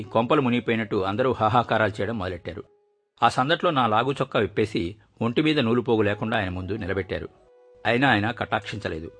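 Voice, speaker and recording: A man reading a short story aloud as narrator, telling it in a measured, expressive way. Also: lowish voice.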